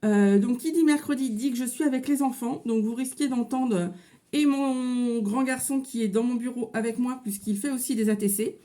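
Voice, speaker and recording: A woman's voice: on the high side, normal speed, dark tone. A woman in her thirties with a French accent, chatting casually in a craft tutorial from her home office, with many fillers. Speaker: crafting vlogger.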